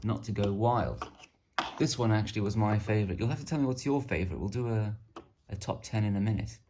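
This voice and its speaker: A man's voice: on the low side, fairly quick, dark tone. A man casually showing off his painted miniatures, rambling and self-deprecating. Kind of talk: casual hobby show-and-tell.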